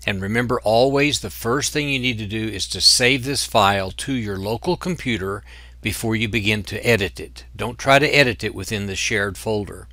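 A man teaching software in a screen-recorded tutorial, explaining each step patiently. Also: fairly low pitch, normal speed, no echo. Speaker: software instructor.

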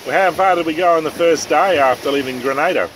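Relaxed man narrating aboard a windy sailboat. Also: a little high, fast talker. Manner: relaxed, matter-of-fact, with sailing jargon. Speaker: sailing vlog host. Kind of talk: casual vlog narration. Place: open cockpit of a sailing catamaran at sea. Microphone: handheld camera mic, wind on it. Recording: windy outdoor camera audio. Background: wind and water noise.

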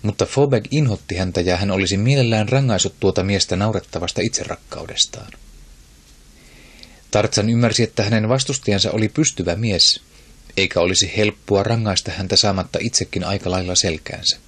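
A man narrating an audiobook in a steady, even storytelling manner. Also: lowish voice, husky. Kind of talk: scripted narration.

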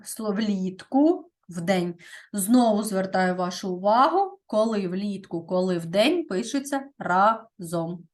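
A woman teaching a primary school grammar lesson, speaking deliberately and often checking in with "так?". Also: medium pitch, animated.

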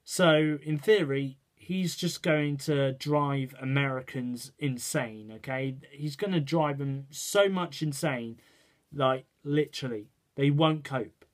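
A man's voice: a little high, slow pace. A man ranting his opinions to camera in a rambling way, checking in with "right" and "okay". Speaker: vlogger. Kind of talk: casual opinion rant to camera.

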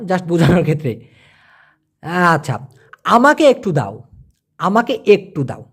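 Lively chatty man teaching. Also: high voice. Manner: chatty, repeats words and asks the listener questions. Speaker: language teacher. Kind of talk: casual spoken language lesson.

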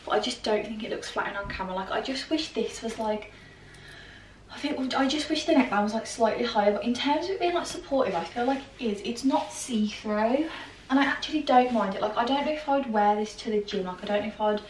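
A woman's voice: on the high side, fast talker, distant mic, slight background noise. A young British woman in her twenties chatting through a clothing try-on, full of filler words, filmed in a plain room on the camera's mic. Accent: British English. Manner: chatty, filler-heavy with constant "like". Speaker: fashion vlogger. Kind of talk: casual try-on haul. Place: plain grey bedroom, indoors. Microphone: camera mic from across the room. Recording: roomy echo, voice a bit off-mic, faint ambience.

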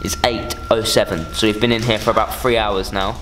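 A man's voice: on the low side, fairly even intonation, a little fast. A young man with a southern English accent, chatting casually in slang as a vlogger into a handheld camera. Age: young adult. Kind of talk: casual vlog chat with slang. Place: empty room of an abandoned house, indoors. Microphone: handheld camera mic. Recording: echoey bare room, handheld camera noise.

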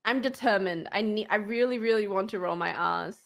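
A woman's voice: mid-range voice, a little fast. A woman streamer with an Australian accent, chatting casually on a livestream. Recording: clearly noisy, with clicks.

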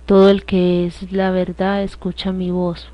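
A woman reading the lines of a calm male prisoner, in a measured, even way. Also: lowish voice, no echo, close to an everyday voice. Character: calm male prisoner speaking of his kingdom. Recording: dull lo-fi dry recording.

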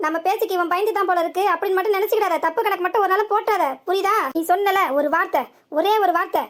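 A woman voicing an angry, stubborn village man with a southern Tamil Nadu accent, scolding in long reproaches. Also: very high-pitched. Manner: heated scolding, drawn-out reproach. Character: hot-tempered grown village man, hurt and stubborn.

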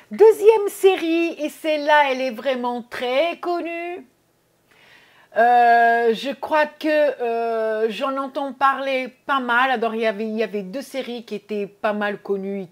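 Slow-talking chatty French vlogger woman. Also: on the high side. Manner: chatty, many fillers and repeated words. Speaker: YouTube vlogger. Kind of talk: casual series review vlog.

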